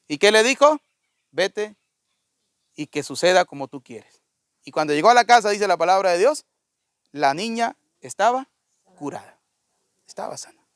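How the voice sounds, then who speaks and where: A priest preaches in a conversational way, turning to his congregation with questions. His voice sits high for a man and sounds clean and resonant. The sound is dry and close. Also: smooth, no echo. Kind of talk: sermon.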